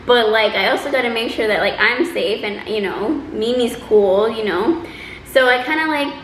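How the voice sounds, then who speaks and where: A woman telling a personal story in a casual, chatty, animated way, acting out quotes as she goes. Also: fairly high pitch, moderate pace. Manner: animated, exaggerating delivery with acted-out quotes. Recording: roomy echo, faint background noise.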